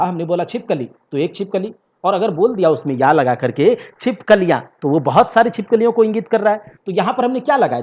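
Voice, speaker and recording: A man's voice: high voice, darkish tone, dull audio. A man teaching a grammar lesson for an exam course, explaining step by step and often checking in with his students. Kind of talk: grammar lecture.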